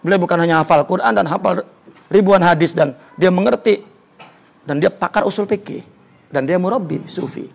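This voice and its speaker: A man's voice: sits high, moderate pace, gravelly. A man teaching a religious study lesson, telling stories, repeating words for emphasis and reciting Arabic before explaining it.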